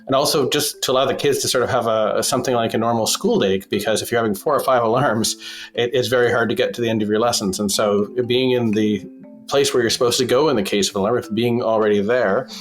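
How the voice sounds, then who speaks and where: A man reporting by phone from a basement as a foreign correspondent, measured and full of fillers and restarts. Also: medium pitch, fairly even intonation, faint music behind. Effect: phone line. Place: basement in a war zone.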